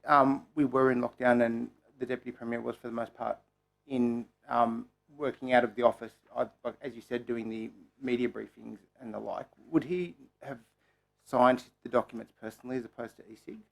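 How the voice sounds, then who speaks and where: Australian guy asking questions at a hearing, gravelly, lots of ums. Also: medium pitch, fairly even intonation. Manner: halting, many ums, polite. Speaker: committee member questioning a witness. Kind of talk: formal parliamentary questioning.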